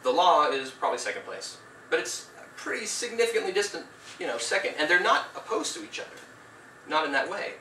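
A man's voice: a little high, sing-song, brisk, pushed and bright, a little hiss or hum. A man giving a formal debate statement in an earnest, preachy, rebuking way. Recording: echoey room, distant mic, faint ambience.

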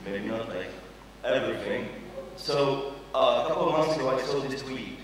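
This young conference speaker from Poland has a mid-range voice and a moderate pace, keeping his talk casual and joking with many fillers and the odd curse. The mic sits far away in an echoey hall full of listeners, leaving slight background noise.

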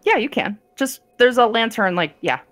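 A woman's voice: fairly high pitch, lively intonation, moderate pace, a bit bright. A woman co-hosting a game stream in a casual, giggly way. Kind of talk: casual chat over gameplay.

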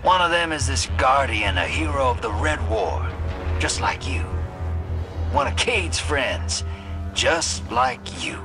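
A man's voice: medium pitch, sing-song, takes it slowly, music in the background. An actor playing a shady, cynical male drifter and old survivor in a video game, with a sly, folksy drawl. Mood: sardonic, suspicious. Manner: sly, folksy drawl, addressing the listener as kid and partner. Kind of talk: video game character monologue.

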